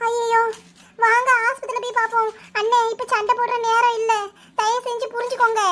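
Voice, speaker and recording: A woman's voice: extremely high pitch, a bit bright. A woman voicing a bustling village neighbor in a cartoon, talking urgently in a Kanyakumari Tamil accent. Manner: urgent, pleading, soothing. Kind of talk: cartoon voice acting.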